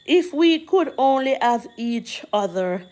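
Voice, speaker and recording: High-pitched with lively intonation and a darkish tone, a Jamaican woman hosts a laid-back livestream, chatting and reading viewers' comments aloud slowly, as if preaching.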